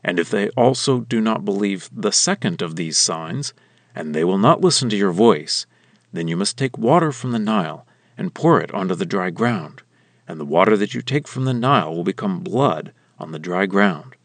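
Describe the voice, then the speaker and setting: A man voicing a stern, commanding male god in a slow, weighty scripture reading. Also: sits low, expressive, no echo, pitched below the performer's own voice.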